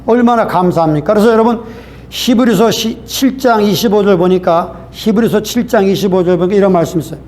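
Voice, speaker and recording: High-voiced man preaching earnestly. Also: brisk, darkish tone. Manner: earnest storytelling preaching with rhetorical questions. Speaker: pastor. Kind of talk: sermon.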